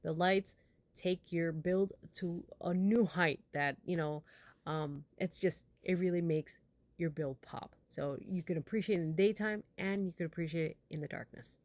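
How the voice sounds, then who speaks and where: A woman speaking as a contest judge, giving casual, encouraging critique with gentle suggestions mixed into the praise. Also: fairly low pitch, moderate pace, dry recording. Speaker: judge giving feedback on Lego builds.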